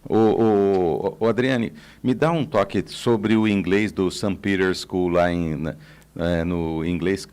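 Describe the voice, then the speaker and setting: A man's voice: deep voice, fairly even intonation, slow, darkish tone, smooth. A Brazilian man hosting a radio talk show, chatting casually and agreeably with his guest. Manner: agreeable, interjects short confirmations. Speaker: radio host.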